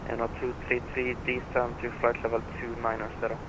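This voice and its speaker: Man, air traffic controller, flat delivery, procedural radio phrasing, noisy channel. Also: medium pitch, brisk. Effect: radio transmission. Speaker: air traffic controller on a flight simulator network.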